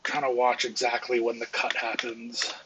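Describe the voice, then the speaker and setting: On a live stream, a man breaks down his team's game footage in a casual, rambling, analytical way, restarting often and mentioning that he's losing his voice. His mid-range voice is delivered completely flat at a moderate pace, with background noise behind him.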